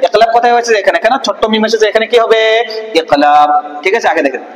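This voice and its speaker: A man with a high voice teaches Quran reading, spelling out syllables one at a time. He asks his own questions and answers them right away. His voice rings with a long reverb, as if in a large echoey hall. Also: lively intonation, very fast. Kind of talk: spelling-out recitation lesson.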